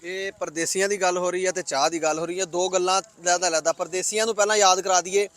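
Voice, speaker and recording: A man's voice: high-pitched, fairly even intonation, quick pace, a bit bright, no room sound. A man with a Punjabi accent reciting nostalgic folk verse as a guest poet, in a rhythmic, declamatory way.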